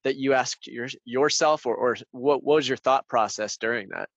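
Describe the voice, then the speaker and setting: A man's voice: medium pitch, moderate pace, fairly bright tone, no room sound, muffled recording. A man hosting a podcast in casual, rambling conversation, recorded in a small closet full of clothes. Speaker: podcast host. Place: small clothes-filled closet as home studio. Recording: dry, close closet sound.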